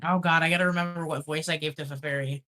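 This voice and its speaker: A woman's voice: low voice, steady tone, quick pace, sharp tone. A woman bantering casually and reading aloud with friends.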